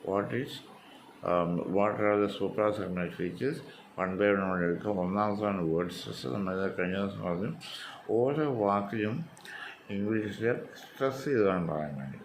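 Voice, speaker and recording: A man's voice: on the low side, unhurried, slight background noise. A man with a Malayali accent teaching a spoken English lesson, explaining step by step and repeating words with exaggerated stress.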